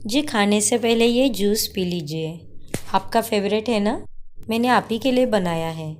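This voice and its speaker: A woman voicing a caring young wife in a cartoon story, calm and reassuring. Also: medium pitch, measured pace, a little hiss or hum, lightly acted.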